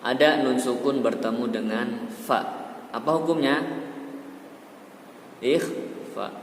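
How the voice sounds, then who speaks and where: A man teaching Quran recitation to children in a slow, patient manner. He demonstrates each sound carefully. The voice rings in a roomy space with a long echo. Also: medium pitch, a little hiss or hum. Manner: patient, demonstrates words slowly. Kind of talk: tajweed lesson for children.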